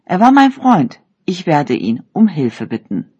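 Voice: mid-range voice, big pitch swings, measured pace, darkish tone, breathy edge, lo-fi sound, pitched above the performer's own voice. A storyteller voicing an earnest young man in a read-aloud fairy tale, pleading in a raised voice.

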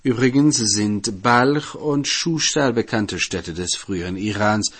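Low, husky male radio storyteller. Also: slow. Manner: even, explanatory reading. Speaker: narrator.

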